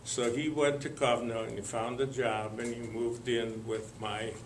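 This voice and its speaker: An older man from Lithuania, telling his life story to an audience in a slow, halting way with many pauses and fillers. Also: medium pitch, level tone, roomy sound, slight background noise. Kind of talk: spoken testimony to an audience.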